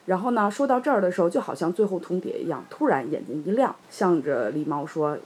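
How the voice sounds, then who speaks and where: A woman retelling and discussing a folktale in casual chat, lively and animated. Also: fairly low pitch, fast talker, husky.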